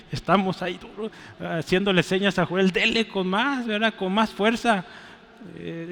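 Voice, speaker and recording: Fervent bright-voiced preacher. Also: male voice, on the high side. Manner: fervent, rising to loud exclamations, keeps checking in with the congregation. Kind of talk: sermon. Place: church sanctuary. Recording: echoey church hall.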